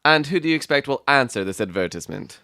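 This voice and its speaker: A man playing an earnest, thoughtful doctor who narrates a detective story in a measured, literary storytelling manner. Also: medium pitch, expressive, sharp tone, no room sound, studio quality. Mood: earnest, curious. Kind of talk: dramatic audiobook narration.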